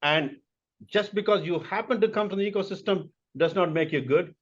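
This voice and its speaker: A man's voice: sits high, normal speed, highs cut off. A middle-aged man from India, a corporate executive answering interview questions in an emphatic, motivational way.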